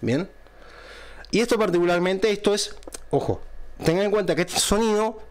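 A man with a somewhat high voice walks through a microphone review and sound test in a relaxed, explanatory way, often pausing to ask if his audience is following. He speaks close into a dynamic studio mic at a home recording setup. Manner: explanatory, checks in with a frequent "¿bien?". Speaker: channel host reviewing a microphone. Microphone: close dynamic studio microphone through a mixer.

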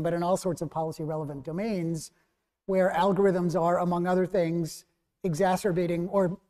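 A middle-aged man with a New Jersey accent moderating an academic panel in a measured, thoughtful, self-correcting way. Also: high voice, a little mellow, long reverb tail.

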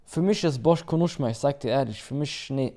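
A man's voice: medium pitch, a little fast, dark tone. A young man judging on a panel, talking in casual street slang with a teasing, joking manner. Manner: slangy, teasing, addresses others as brother and cousin. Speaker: panel judge.

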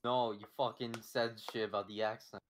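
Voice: mid-range voice, level tone, moderate pace, slight background noise. A person in a casual argument with a friend, stubbornly insisting and teasing, with lots of swearing.

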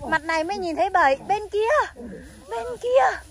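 A woman vlogger in a comedy team, excitable, squealing and urging the others on in lively banter. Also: very high-pitched, moderate pace, crowd noise.

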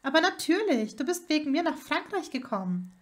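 Casting: aufgeregte junge Hexe, von einer Frau gelesen, hohe lebhafte Stimme, Hörbuch. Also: female voice, sits high, big pitch swings, brisk, voice pushed up. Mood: excited. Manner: eager, surprised. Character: excited young witch, schoolgirl. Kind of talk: fan fiction audiobook reading.

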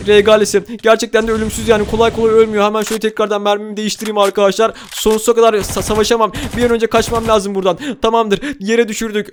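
A man hosting a gaming video, giving excitable commentary and constantly addressing his viewers. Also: high-pitched, racing, hardly any pauses, a little hiss or hum. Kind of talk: game commentary role-play.

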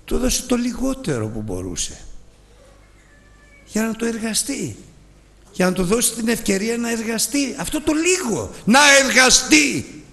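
A man's voice: very animated, creaky, long pauses. Impassioned male preacher in a large hall. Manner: impassioned, with sudden swings between loud emphasis and low, hushed lines. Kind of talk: sermon.

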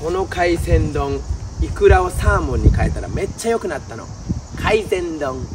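A man, a comedian firing off quick punning one-liner gags. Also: a little high, lively intonation. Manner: punchy, pun-driven delivery. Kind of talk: rapid one-liner gag medley. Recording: distant mic, noisy outdoor ambience.

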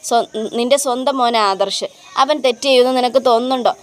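A woman's voice: on the high side, quick pace, close to an everyday voice. A woman doing a wise old grandfather. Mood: admonishing. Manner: patient, admonishing.

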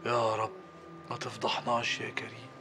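A man's voice: medium pitch, monotone, brisk, background noise, lightly acted. A man playing an anxious Egyptian eldest brother. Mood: anxious praying. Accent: Egyptian Arabic. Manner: muttering prayers, then joking warmly. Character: anxious pious eldest brother, teasing his wife. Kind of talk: film acting.

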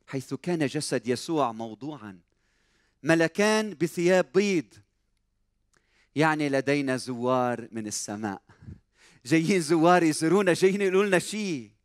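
A man with a Lebanese Arabic accent preaching a sermon in a church, swinging from hushed soft lines to loud emphatic cries. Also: fairly high pitch, dry recording, clean studio sound. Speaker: pastor.

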